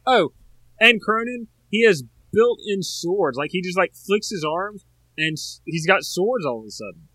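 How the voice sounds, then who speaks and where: A man co-hosting a podcast, chatting casually about a movie in an animated, rambling way. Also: sits high, unhurried, husky. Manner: animated, rambling, full of filler words. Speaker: podcast co-host. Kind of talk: casual movie review chat.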